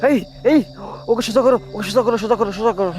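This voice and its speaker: A man's voice: very high voice, fairly even intonation, very fast, a little mellow, slight background noise. A man leading a staged ghost search outdoors at night, frantic and repeating his calls over and over. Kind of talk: staged horror search in the dark. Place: outdoors near fields and trees. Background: music.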